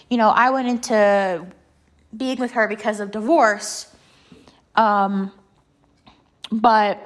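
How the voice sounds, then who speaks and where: A young woman in her late teens with a congested, stuffy-nosed voice, chatting casually and confidingly in a personal monologue, with halting, filler-heavy phrasing. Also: mid-range voice. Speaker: podcast host.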